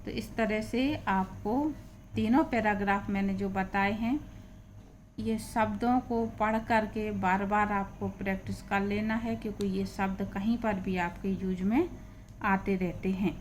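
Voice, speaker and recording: A woman's voice: mid-range voice, slight background noise. A woman teaching an English reading lesson, patiently spelling out and repeating each word.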